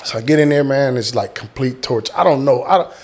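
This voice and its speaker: A man's voice: medium pitch, fast talker. Middle aged guy w just telling his stories, acts out the quotes, repeats words for punch. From small-town Texas, United States. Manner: animated retelling, acting out quotes, repeating words for emphasis. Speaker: guest, military veteran. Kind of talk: casual personal storytelling.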